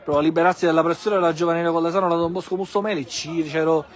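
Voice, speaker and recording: Excitable high-pitched man commentating football. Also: rapid-fire. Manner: excitable, bursts into shouts on chances. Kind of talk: live play-by-play goal commentary. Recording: crowd and music behind commentary.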